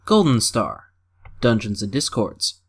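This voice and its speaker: A man hosting a video review compilation, announcing each entry in a lively, emphatic way. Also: lowish voice, slow. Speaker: host announcing entries. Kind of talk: announcing names.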